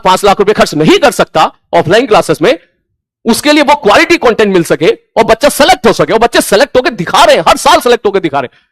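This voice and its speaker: A man's voice: high-pitched, no room sound, studio quality. A man teaching physics online to his class, blunt and stern, repeating points for emphasis. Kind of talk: scolding lecture to an online class.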